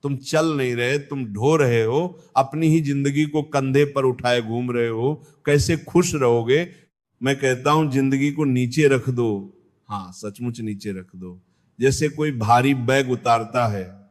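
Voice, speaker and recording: A man as a spiritual teacher giving a discourse, measured and repetitive, speaking straight to the listener and asking them questions. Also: mid-range voice.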